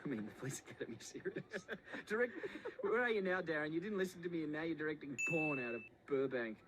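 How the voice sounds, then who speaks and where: A man's voice: on the high side, lively intonation, fast, heavy background noise. A man recording a joking film commentary, full of sarcastic, mock-insulting banter. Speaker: filmmaker on a commentary track.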